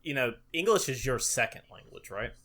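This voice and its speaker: A man in casual discussion, halting and rephrasing as he goes. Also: mid-range voice, animated, fairly bright tone.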